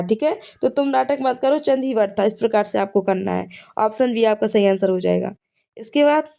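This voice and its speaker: With a high voice, vocal fry, and a darkish tone, this woman teacher runs an exam revision lesson full of memory tricks. She repeats key points and keeps checking in with the listener by saying "ठीक है."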